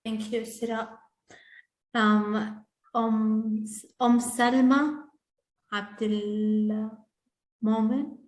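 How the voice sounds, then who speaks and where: Slow-paced woman moderator in an echoing room. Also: fairly high pitch, fairly even intonation. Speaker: session moderator. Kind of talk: calling on participants in an online class. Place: online video call. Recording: roomy, echoing call audio.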